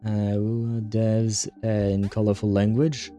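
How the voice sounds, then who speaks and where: A livestream host plays a game while giving casual commentary, muttering to himself and swearing now and then. His voice is fairly low, level, mellow, and slow, with soft music in the background.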